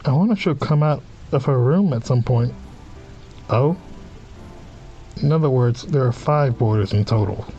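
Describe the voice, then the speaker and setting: Speaking at medium pitch, a man reads a visual novel as a let's play host, animated yet unhurried, with long pauses and a mellow tone whose highs sound cut off. Game music runs underneath as he drops informal comments and reactions between lines.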